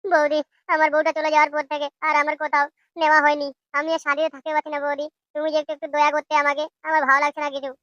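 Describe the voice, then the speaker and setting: Man doing a high, sly cartoon sidekick. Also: monotone, pushed and bright, no echo, muffled recording. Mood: wheedling. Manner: fast, wheedling. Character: sly young male friend, wheedling cartoon sidekick. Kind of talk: comic cartoon dub.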